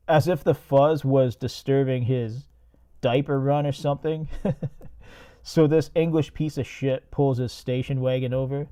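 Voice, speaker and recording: A man's voice: mid-range voice, steady tone, unhurried, dark tone, clean tone. A man hosting a podcast, recapping and reacting to a movie in a laid-back, profane way. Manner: laid-back, profane, laughs at his own jokes. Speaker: podcast host.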